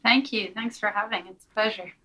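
A woman's voice: medium pitch, a little fast, bright, forceful tone. A woman with a west of Ireland accent giving conversational interview answers as a researcher, hesitating and repeating words as she goes. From Galway, west of Ireland. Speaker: interview guest, academic researcher.

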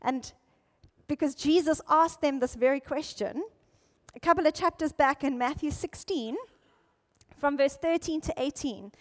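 Woman pastor, high voice, lively conversational sermon, reverberant hall. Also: a little slow. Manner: animated, conversational Bible teaching.

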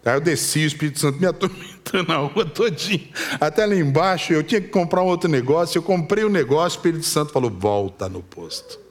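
Male pastor, Brazilian accent, fairly high voice, animated storytelling sermon. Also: fast. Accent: Brazilian Portuguese. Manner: animated storytelling that swings from loud to hushed.

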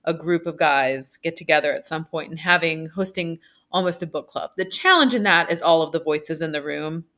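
A woman in relaxed podcast conversation, her voice a bit lower than most. She is friendly and agreeable, and she thinks aloud in long, rambling sentences. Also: moderate pace. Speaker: romance author, podcast guest. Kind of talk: casual podcast chat.

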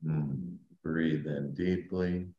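Male meditation guide, sleep-story narration style: very low voice, soft and hushed, unhurried pauses, in an echoey room. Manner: soft, hushed, calming delivery with long pauses. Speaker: spiritual teacher and meditation guide. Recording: dull, roomy echoing sound.

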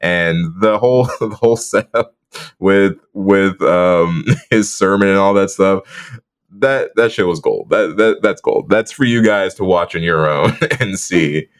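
Low-voiced laid-back man chatting. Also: a little slow. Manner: laid-back, laughs often, rambling with fillers. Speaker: podcast co-host. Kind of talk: casual movie discussion.

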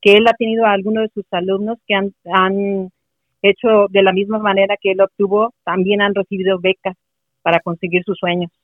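A woman's voice: medium pitch, level tone, brisk, no room sound. A middle-aged woman from Mexico City, a guest in a casual interview, speaking earnestly and encouragingly. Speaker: interview guest, mother of a player. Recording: muffled, dry recording.

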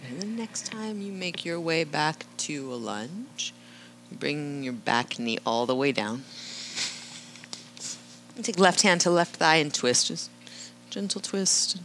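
Calm woman guiding a yoga class. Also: lowish voice, a little hiss or hum. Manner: calm, cueing breath and movement, with rhetorical "right?". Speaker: yoga instructor.

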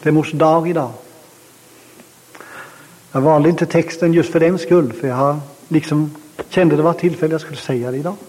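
A man's voice: a little high, a little mellow, big-room sound, poor audio. A man preaching a fervent sermon and prayer, calling out hallelujah often and climbing to emotional peaks.

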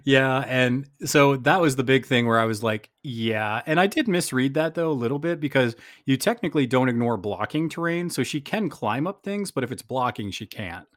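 A man's voice: medium pitch, expressive, moderate pace, few pauses, a bit bright, no echo, studio quality. A man hosting a casual chat that recaps a game, rambling and thinking aloud as he goes. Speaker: podcast host.

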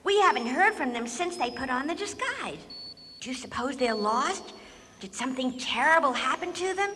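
Performing in a large hall, a woman plays a worried female alien, blue-green and from a faraway planet, who is naive, fretful, earnestly polite and constantly asking questions in a comic radio play. Her high voice is expressive, bright and forceful at normal speed, with a little background noise.

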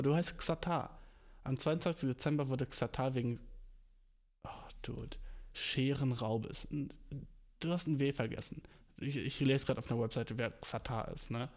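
A man's voice: medium pitch, a little mellow. A young man chatting casually as a podcast host, slangy and profane, mixing English words into German and ranting with mocking energy. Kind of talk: casual chat.

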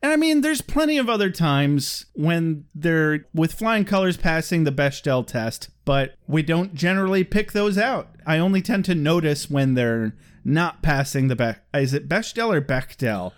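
A man co-hosts a podcast in loose, casual chat. He laughs often and drops in jokey asides. His voice sits a bit high for a man. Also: lively intonation, normal speed, few pauses, clean tone. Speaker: podcast co-host.

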